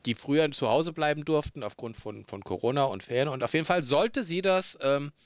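A man, co-hosting a casual podcast and telling stories in a chatty, animated way. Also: medium pitch, clear, resonant tone, no room sound, clean studio sound. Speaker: podcast co-host. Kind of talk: casual podcast chat over a call.

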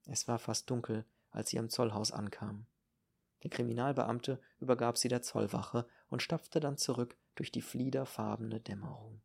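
A man reading an audiobook in a calm, measured narration. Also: medium pitch, gravelly, slightly rough. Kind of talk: scripted narration.

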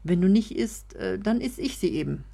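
A woman's voice: mid-range voice, lively intonation, normal speed, creaky, warm tone, husky. A woman reading a story aloud, voicing a hungry, irritable young woman who answers curtly. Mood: irritated. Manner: snappish, curt. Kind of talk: audiobook reading.

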